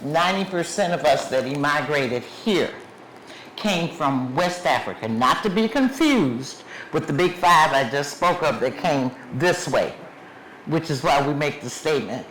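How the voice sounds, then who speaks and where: A deep, slightly bright female voice with lively intonation and a somewhat slow delivery leads a museum lecture as guest speaker, stressing points and naming places one at a time. It's a public lecture with questions, captured by a shawl-covered clip mic in an echoey space with faint background noise.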